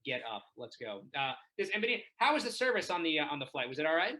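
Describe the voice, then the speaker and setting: A comedian from Israel delivers a talkative stand-up set from home over a video call, forever checking with the audience with "right?". His high, sharp voice races along with big pitch swings, and the recording is rough.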